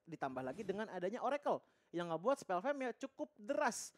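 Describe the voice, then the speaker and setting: A man's voice: high voice, sing-song, fairly quick, slight background noise. A man giving wordy, explanatory esports analysis as a game commentator.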